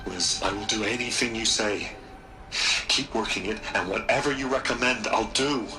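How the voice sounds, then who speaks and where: An actor playing a guilt-ridden, evasive corporate tycoon in a video game, agitated and pleading. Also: male voice, fairly low pitch, moderate pace, music in the background, lightly acted, rough recording. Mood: defensive, pleading. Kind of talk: video game cutscene acting.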